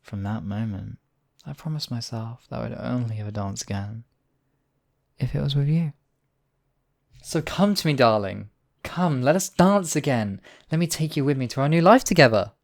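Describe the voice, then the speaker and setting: A voice actor plays a smug, obsessive demon king in a theatrical ASMR audio drama, wooing in a silky, possessive, wistful way. His mid-range voice has lively intonation, normal speed, and vocal fry.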